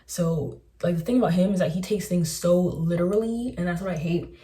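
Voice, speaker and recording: Chatty young woman, mellow and low. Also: a little fast, recorded from a distance. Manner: chatty, fills with "like", recounts texts. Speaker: vlogger. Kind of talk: casual storytime vlog.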